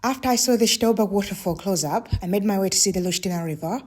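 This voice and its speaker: A woman's voice: medium pitch, quick pace, darkish tone, slight background noise. A woman casually narrating her travel vlog in a chatty, candid way, admitting when she is unsure how to say a name. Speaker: travel vlogger.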